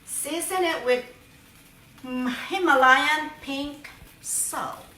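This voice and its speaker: Slow-talking playful woman in a kitchen. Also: high voice, sharp tone, distant mic. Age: middle-aged. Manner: playful, chatty, cheery exclamations. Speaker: home cook. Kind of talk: casual cooking vlog narration. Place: home kitchen. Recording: echoey room, voice from afar.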